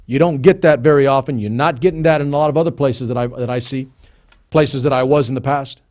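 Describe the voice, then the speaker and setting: Male stream host, mid pitch, chatty and digressive, reads a list aloud with off-the-cuff remarks. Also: fast talker, darkish tone. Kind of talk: casual live-stream commentary.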